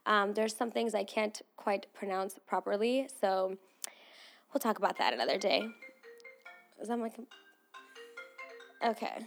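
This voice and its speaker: A woman's voice: mid-range voice, unhurried, long pauses, faint music behind. A woman in her twenties, born in Armenia with English as her third language, hosting her own podcast in a casual, chatty solo talk with frequent asides to listeners. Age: 20s. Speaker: podcast host.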